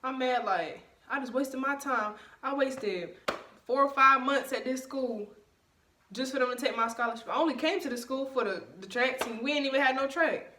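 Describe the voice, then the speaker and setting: A young woman tells a story straight to camera in an emphatic, indignant way, her voice bright and forceful. The room rings around her, and the mic sits a little way off, so the sound is roomy and distant. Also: high-pitched, moderate pace, slight background noise. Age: young adult. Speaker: vlogger. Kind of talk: casual storytime vlog. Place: bedroom, at night.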